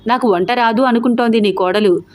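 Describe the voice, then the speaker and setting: A woman's voice: on the high side, fairly quick, a little mellow, lightly acted. A quarrelsome toothless old mother-in-law, as a woman narrator puts her on, scolds and grumbles at her family. It is told as a spoken storybook. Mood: scolding.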